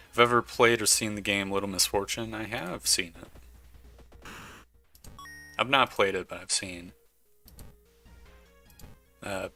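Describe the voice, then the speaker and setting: A gaming YouTuber gives casual let's play commentary, chatting as he plays a video game and reading its text aloud. His voice is on the low side, pushed and bright.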